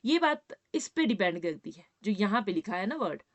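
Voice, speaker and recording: A woman's voice: mid-range voice, sing-song, normal speed. A woman teaching a grammar lesson, patiently repeating points and checking in with her students. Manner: addresses students as "बेटा".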